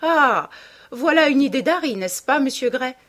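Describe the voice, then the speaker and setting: A woman's voice: sits high, animated, normal speed, fairly bright tone, pitched above the performer's own voice. A woman reading an audiobook and voicing a flighty society lady who gushes and rambles. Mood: gushing. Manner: gushing, rambling, breathless chatter. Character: chattering flighty society lady, nervous laugh.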